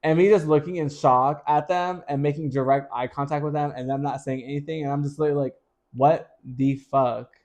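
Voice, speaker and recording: A man's voice: on the high side, fairly even intonation, fast, hardly any pauses, darkish tone. A man co-hosting a podcast, telling the story of a competition in a candid, wry way. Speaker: podcast co-host. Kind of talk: casual chat recounting a drag competition.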